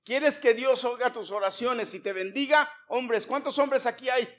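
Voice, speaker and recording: A man's voice: very high voice, moderate pace, a bit bright. A middle-aged man preaching a sermon to a congregation, emphatic, repeating his points and putting questions to the listeners. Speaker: pastor. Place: church before a congregation.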